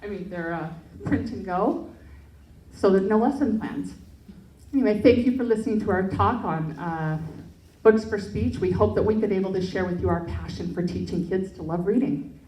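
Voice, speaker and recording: Woman pitching a project, kinda low mellow voice, lots of ums, far off mic in an echoey room. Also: normal speed, a little hiss or hum. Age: adult parent. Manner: earnest, with frequent fillers and restarts. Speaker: project presenter. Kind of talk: pitch presentation and Q&A. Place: event hall.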